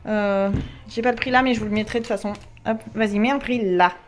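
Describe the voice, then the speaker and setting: A woman's voice: medium pitch, steady tone, fast. A woman vlogging a grocery haul at home, chatting casually to camera with lots of jokes and laughter, feeling hot. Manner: chatty, joking, laughs often, self-mocking. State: hot and sweaty. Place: at home, indoors.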